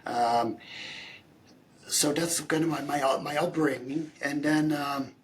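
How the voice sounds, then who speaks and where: A man, a scientist guest on a podcast, talking hesitantly with frequent pauses. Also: a little high, steady tone, a crowd in the background. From Netherlands. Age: 30s. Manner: hesitant, many fillers and restarts. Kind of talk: casual podcast interview.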